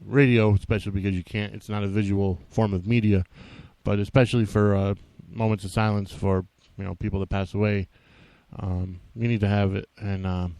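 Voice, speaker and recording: A man hosting a podcast alone, talking off the cuff in a halting, rambling way. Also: lowish voice, flat delivery, warm tone, no room sound, low-quality recording. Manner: halting and rambling, frequently restarting thoughts. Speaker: wrestling podcast host. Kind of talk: unscripted solo podcast talk.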